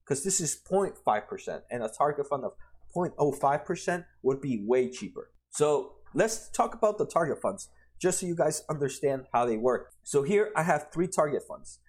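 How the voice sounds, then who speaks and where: A man in his twenties explains retirement funds over slides, casually and conversationally, often restarting sentences and tacking on "right?". As a personal finance explainer, his voice is on the high side, very animated, husky and moderately paced.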